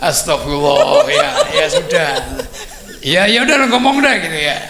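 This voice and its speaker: Older man, chuckling anecdotes, lively quoted dialogue, roomy echo. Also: sits high, moderate pace, a loud crowd. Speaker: guest speaker. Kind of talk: anecdotal storytelling. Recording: echoey room, faint noise.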